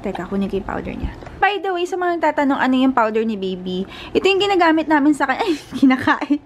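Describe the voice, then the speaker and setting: Chatty Filipino mom vlogging at home. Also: female voice, high-pitched, big pitch swings, fast talker, a little hiss or hum. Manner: chatty, mixes English into Filipino, sing-song baby talk to her child. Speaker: vlogger and mother. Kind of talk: casual home vlog, talking to camera and to her toddler.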